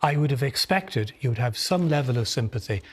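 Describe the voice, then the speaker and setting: A man's voice: medium pitch, lively intonation, fairly quick. A man on a studio debate panel who presses the same question persistently and repeats words when he is interrupted. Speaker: panel guest. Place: television studio.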